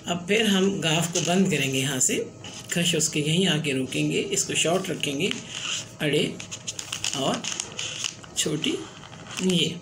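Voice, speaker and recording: A woman teaching letters and words at a slow, unhurried pace, counting each letter out loud. She pauses to check in as she goes. A faint hiss runs behind her voice. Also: deep voice. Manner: counts letters aloud, checks in with "theek hai". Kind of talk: slow step-by-step writing lesson.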